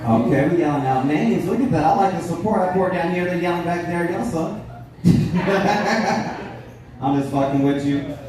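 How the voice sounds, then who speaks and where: A man's voice: fairly high pitch, measured pace. A man in his thirties doing a stand-up comedy set on a club stage, brash and profane, bantering with the audience. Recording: echoey club room, distant, crowd laughter.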